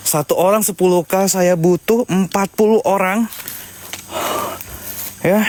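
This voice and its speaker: A man's voice: high-pitched, darkish tone, slight background noise. A man livestreaming a ghost hunt outdoors at night. He chats to his viewers, recites incantations and asks them to share the stream. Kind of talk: live ghost-hunting stream talk. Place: outdoors at night at a haunted spot.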